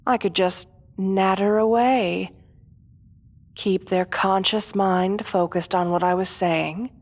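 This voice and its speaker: A woman playing a seductive, manipulative supervillain in a hypnosis audio role-play, speaking softly with slow theatrical menace, often slipping into a whisper. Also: medium pitch. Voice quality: soft, often dropping to a whisper.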